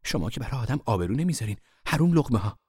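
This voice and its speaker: A man voicing a stern mother who scolds her children in a hushed, firm voice. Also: medium pitch, very animated, husky, no room sound, clean studio sound. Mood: scolding.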